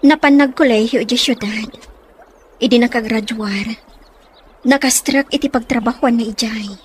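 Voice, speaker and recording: A woman playing a gentle, wistful young provincial woman in an Ilocano radio drama, with a Filipino Ilocano accent. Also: a little high, normal speed, a little hiss or hum, lightly acted. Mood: wistful, worried. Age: young adult.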